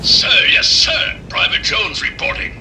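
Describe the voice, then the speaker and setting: A man voicing a gruff male military robot guard in a video game, with a robotic metallic filter and a clipped, drill-sergeant manner that calls everyone sir. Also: unhurried. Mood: barking. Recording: distant noisy game audio.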